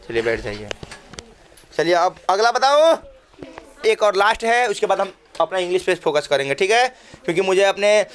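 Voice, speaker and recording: A man's voice: high voice, fairly bright tone. A man with a Bhojpuri-tinged Hindi accent teaching an English lesson to children in a classroom, asking questions and repeating phrases for the class.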